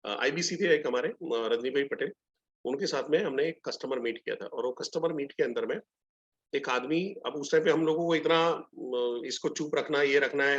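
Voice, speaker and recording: Middle-aged male trainer, higher pitched, animated storyteller, muffled lo-fi webinar audio. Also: brisk. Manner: animated storytelling, acts out both sides of dialogues. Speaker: sales trainer. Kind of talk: live online training session.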